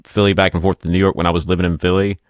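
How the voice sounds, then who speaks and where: A man's voice: low voice, level tone, racing, no room sound, studio quality. A middle-aged man hosting a podcast, telling rambling stories in casual chat and laughing often. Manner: storytelling, laughs often, stumbles and restarts. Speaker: podcast host.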